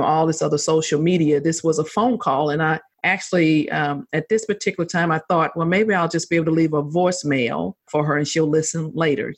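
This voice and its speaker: A woman's voice: sits low, slightly rough. A middle-aged woman, a former army battalion commander, telling personal stories in an interview, emotional and laughing often. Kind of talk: interview storytelling.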